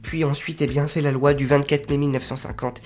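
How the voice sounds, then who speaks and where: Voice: medium pitch, little pitch movement, brisk, darkish tone, faint music behind. A shop presenter giving an informal explanatory talk, hesitant, with frequent fillers and restarts.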